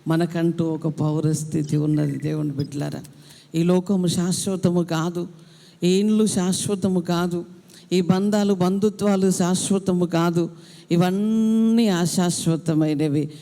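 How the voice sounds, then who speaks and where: A woman's voice: on the low side, fairly even intonation, a little slow, gravelly, warm tone. A woman preacher giving an impassioned sermon, repeating her phrases for emphasis. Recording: echoey hall.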